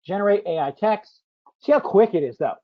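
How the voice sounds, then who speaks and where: A man's voice: sits high, expressive, fairly quick. A man leading a live webinar product demo in a chatty way, often tagging his points with "right?" and answering viewers by name. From United States. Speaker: software demo presenter. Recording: muffled lo-fi audio.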